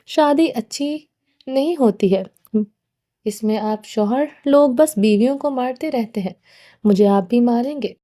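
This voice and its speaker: A woman's voice: fairly high pitch, dark tone, natural voice. A woman reading the part of a frightened, tearful young woman in a storybook, pleading and timid.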